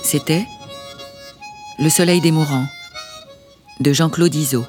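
Lady reading out end credits of a radio play, slow and formal, guitar music behind. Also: low voice, fairly even intonation, darkish tone. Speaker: credits announcer.

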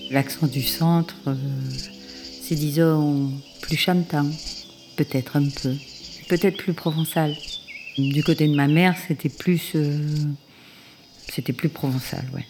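A woman's voice: sits low, steady tone, takes it slowly, background noise. A woman from Marseille with a Marseille accent, speaking thoughtfully and searching for her words. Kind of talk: reflective interview testimony.

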